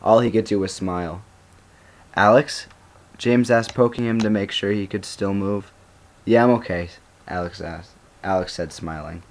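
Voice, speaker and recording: A male student reading his own story aloud, unhurried, with occasional stumbles and restarts. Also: low-pitched, fairly even intonation, a little mellow, slight background noise. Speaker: student reader.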